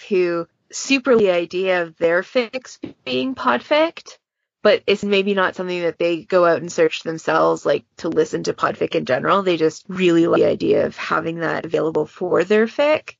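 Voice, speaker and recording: In a dry, dull-sounding recording, a woman who moderates a podfic challenge talks chattily on a casual podcast at a moderate pace. Her expressive, lowish voice carries vocal fry, and she wanders discursively, acting out made-up quotes as examples.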